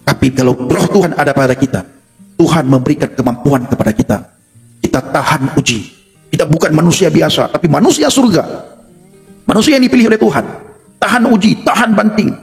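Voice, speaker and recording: A man's voice: a little high, a little fast, soft background music. A man giving a testimony sermon, speaking emphatically to his listeners and acting out quoted dialogue. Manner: emphatic, addresses listeners as Bapak Ibu; acts out quoted voices in dialogue.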